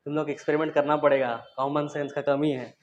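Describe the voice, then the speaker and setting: A man's voice: on the high side, little pitch movement, fast talker, highs cut off. A man teaching physics in a classroom, chatting casually as he quizzes students and demonstrates with objects. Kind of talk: classroom lecture.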